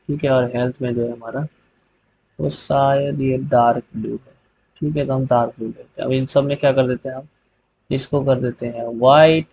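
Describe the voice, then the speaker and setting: A man with a voice of middle pitch explains a spreadsheet tutorial step by step over a screen recording. His delivery is relaxed and repetitive, checking in with a quick "okay" as he goes. The recording sounds a little dull and lo-fi. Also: creaky, slightly rough. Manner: relaxed step-by-step explaining, repeating "theek hai" often. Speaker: tutorial host.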